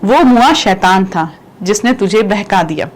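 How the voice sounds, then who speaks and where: A woman's voice: mid-range voice, lively intonation, a little hiss or hum, close to an everyday voice. A doting, worried old mother, read aloud by a woman. She reads from a play script in a natural voice with little change.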